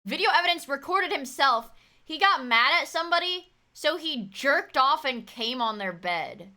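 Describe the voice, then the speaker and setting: A woman livestreaming casual chat and slangy, expressive commentary with mocking asides. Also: sits high, moderate pace. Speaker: streamer reacting to true-crime videos.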